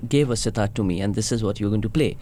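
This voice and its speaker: A man from India, a sitar player, talking in a radio interview in a measured, hesitant way with many fillers. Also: lowish voice, dark tone, slight background noise. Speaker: sitar player, guest musician. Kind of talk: casual interview talk.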